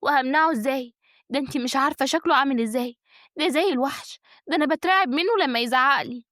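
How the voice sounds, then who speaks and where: A woman's voice: high voice, very fast, a bit bright, dry recording, clean studio sound. A woman voicing a jealous young wife with an Egyptian accent, talking in a frantic, resentful way. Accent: Egyptian Arabic.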